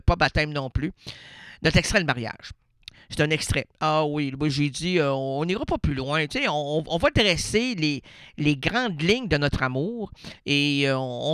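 A man's voice: on the high side, vocal fry, fairly bright tone, clear, resonant tone, dry recording. A man with a Québécois accent hosting an absurd improvised radio monologue, rambling playfully and laughing at his own jokes into a studio microphone. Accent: Québécois French. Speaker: radio host.

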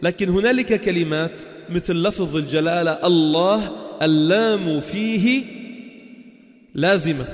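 A man with a Levantine Arabic accent teaching a religious lesson in casual dialect. He often puts quick check questions to the listeners and answers them himself. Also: sits high, in a large hall.

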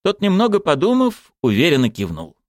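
A man's voice: on the high side, brisk, no echo. A man reading scripted narration expressively, as an audiobook narrator on a close studio mic. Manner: expressive storytelling.

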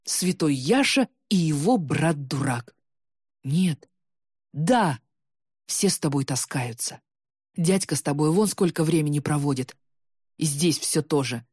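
Woman doing a jealous angry young man, resentful, shouting, low husky voice, dry sound. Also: animated, a little slow, pauses often, dry recording, heavily acted. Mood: bitter, shouting. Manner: shouting, resentful, voice breaking with tears.

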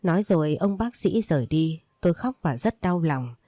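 A woman narrating an emotional story in a steady reading style. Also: low-pitched, normal speed, dry recording, studio quality.

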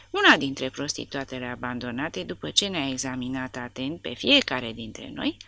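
Woman audiobook narrator, low and gravelly, lively expressive reading, dry close sound. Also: no room sound.

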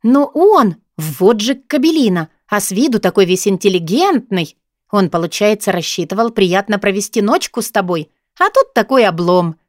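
A woman voicing a blunt, excitable young female student who bursts out loudly and mocks. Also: fairly high pitch, moderate pace, no room sound, clean studio sound, close to an everyday voice. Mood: indignant. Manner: loud, indignant, mocking outbursts.

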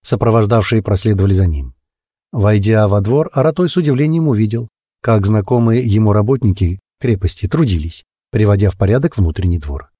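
Male narrator, husky and dark-toned, dry close recording, expressive audiobook reading. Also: on the low side, brisk, dry recording.

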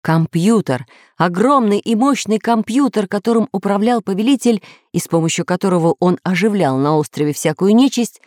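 A woman narrating a children's story aloud in a lively, expressive way. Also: medium pitch, normal speed, dry recording, studio quality. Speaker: audiobook narrator.

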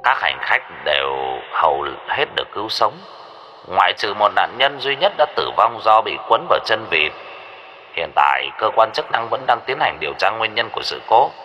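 A man voicing a male village chief making a formal announcement over a loudspeaker, calling "alo" again and again. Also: on the low side, big pitch swings, normal speed, highs cut off. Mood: announcing. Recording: echoey loudspeaker with faint noise.

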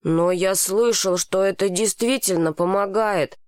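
A woman reading an audiobook, voicing an earnest, hesitant boy in a lowered voice. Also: measured pace, a little mellow, no room sound, close to an everyday voice. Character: anxious earnest boy, Mason. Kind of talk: audiobook character voice.

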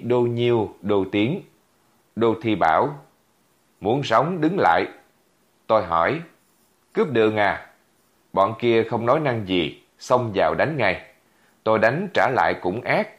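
Man narrating a story, low voice, lively rise and fall, dull lo-fi sound. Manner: vivid, dramatic storytelling. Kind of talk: first-person story narration. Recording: dull lo-fi recording.

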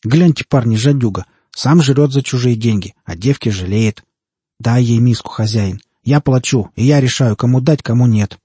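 A man voicing a crude, loud male bounty hunter who swaggers in rough country dialect. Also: mid-range voice, normal speed, no room sound, close to an everyday voice. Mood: swaggering.

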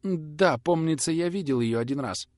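A man's voice: a little high, expressive, normal speed, darkish tone, dry recording, clean studio sound, voice pushed up, natural voice. A man playing a nervous young knife-grinder who pleads and dodges questions in a storybook reading. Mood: pleading. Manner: whining, pleading.

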